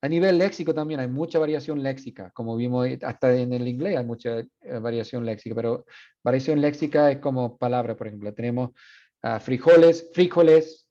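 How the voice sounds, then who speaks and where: A man lectures a class in a mellow, darker voice, hesitating often with fillers and slipping between Spanish and English. The recording is dull and lo-fi. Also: mid-range voice, a little fast. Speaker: university Spanish instructor.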